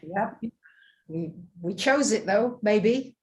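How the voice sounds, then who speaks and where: A woman's voice: mid-range voice, expressive, slow pace, darkish tone. A woman hosting a casual question-and-answer conversation, giving short, affirming replies. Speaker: host reading out questions.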